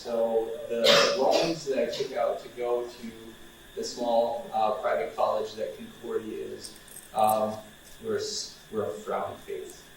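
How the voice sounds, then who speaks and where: A young man speaking informally to a room of students as an outreach coordinator, relaxed and chatty with plenty of fillers and restarts. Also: mid-range voice, far from the mic, slight background noise. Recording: echoey room, voice off-mic.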